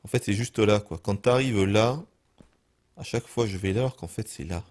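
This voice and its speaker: A man's voice: on the low side, normal speed, darkish tone. A man with a French accent giving casual let's play commentary, talking to himself and swearing as he plays. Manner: talks to himself, swears often. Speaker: gaming streamer.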